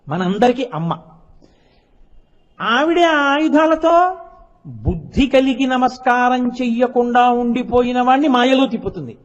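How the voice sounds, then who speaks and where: An older man with a very high-pitched voice delivers an emphatic devotional discourse, his volume swelling and dropping as he slows to chant verses. The recording is dull and lo-fi, carried by the long reverb of a large hall. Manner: emphatic, swings between soft and loud, slows to recite verses. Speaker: spiritual speaker.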